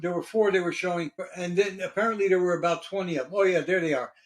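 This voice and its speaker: Male podcast host, fairly high voice, casual political banter, swears freely and gets heated. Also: fast, poor audio. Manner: blunt, profane, heated.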